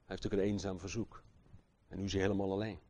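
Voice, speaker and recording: In a low, even tone, a man preaches a heartfelt sermon that alternates soft, slow passages with loud, emphatic outbursts. He asks his audience rhetorical questions, and a faint hiss or hum runs under the recording.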